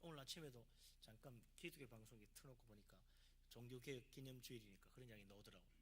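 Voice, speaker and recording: A man's voice: mid-range voice, quick pace, fairly bright tone, a little hiss or hum. A man, a pastor from South Korea, preaching a sermon with emphatic delivery and rhetorical questions.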